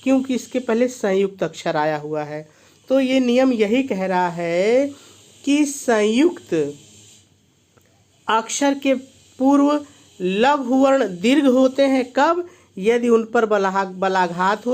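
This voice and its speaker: A man's voice: sits high, lively intonation, slow pace, darkish tone. A male teacher giving a video lesson, who asks himself why and then answers, repeating each key point. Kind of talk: classroom-style video lesson.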